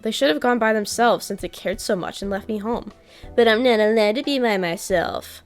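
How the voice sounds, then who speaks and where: A woman reads a sulky young boy from a game, whining in huffy complaints. Soft music plays faintly behind the voice. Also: mid-range voice, normal speed, natural voice.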